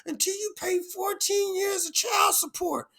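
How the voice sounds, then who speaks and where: A man putting on the voice of an angry, demanding woman who is the child's mother, high and shouting in a mocking way. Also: fairly even intonation, a little slow, vocal fry, exaggerated voice.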